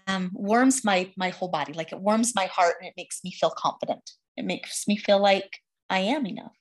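A woman's voice: medium pitch, normal speed. A woman hosting a podcast interview, eager and affirming, often answering "okay" and "right". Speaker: podcast host. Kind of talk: casual interview chat.

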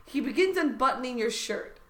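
A woman's voice: high voice, expressive, fairly quick, a bit bright. A woman co-hosting a comedy podcast, reading fan fiction aloud with exaggerated drama. She stays playful and mocking throughout, and her laughter keeps breaking into the reading. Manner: giggly, breaks into laughter, mock-sultry line readings.

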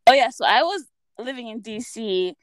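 A woman with a fairly high voice tells stories in a casual podcast chat. She is giggly and animated, her pitch jumping all over. The sound is dry and close. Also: normal speed, no echo, rough recording. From Utah, US. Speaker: podcast co-host.

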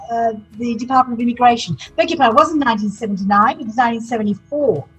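A woman's voice: fairly high pitch, rapid-fire, husky, faint music behind, low-quality recording. A woman in her sixties, from Sri Lanka, a city councillor telling her life story candidly in a podcast interview. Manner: candid, lively storytelling with laughs.

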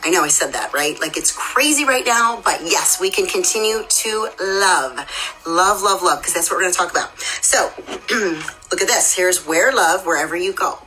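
A woman hosting a devotional podcast, with a crisp, forceful voice that sits a little low. She talks in a bubbly, rambling way, upbeat and chatty as she encourages her listeners. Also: lively intonation, moderate pace, faint music behind, rough recording. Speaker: faith podcast host. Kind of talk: devotional live chat.

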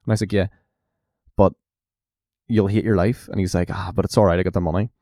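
A man's voice: low voice, fairly even intonation, fast talker, warm tone, no room sound, studio quality. A young man chatting casually on a podcast, rambling and filling his talk with "like" and "you know". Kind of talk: casual chat.

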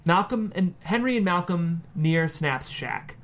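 At a table read, a man with a fairly high voice narrates a screenplay, reading scene headings and stage directions as scripted narration. His intonation is lively, his pace unhurried, and his tone fairly bright.

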